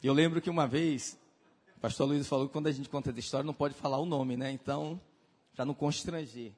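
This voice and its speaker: A man preaching a sermon, telling stories in a lively way and acting out the people in them. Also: mid-range voice, fast, breathy edge, big-room sound. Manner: lively, animated storytelling with acted-out voices. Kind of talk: storytelling sermon.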